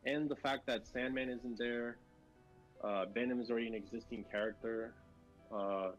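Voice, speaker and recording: A man's voice: medium pitch, fairly even intonation, normal speed, highs cut off, faint music behind. A man chatting casually about video games as co-host, rambling with many fillers and restarts. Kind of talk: casual gaming chat.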